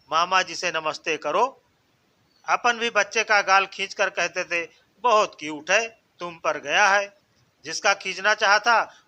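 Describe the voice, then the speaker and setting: A man narrating a string of short jokes in a measured storytelling voice, voicing each character himself. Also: sits high, sharp tone. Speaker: joke narrator. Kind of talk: scripted joke narration.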